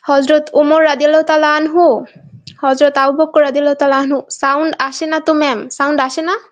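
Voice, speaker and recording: In a brisk, high voice with little pitch movement, a young woman from Bangladesh conducts a live online exam class. Her style is chatty and coaxing, and she reads her students' answers out loud.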